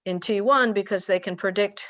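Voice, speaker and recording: An older Peruvian woman, a guest economist, answers interview questions eagerly and at length over a video call from a home room with curtains and a window, often restarting her sentences. Her mid-range voice is fairly bright and moderately paced, recorded at studio quality with no echo.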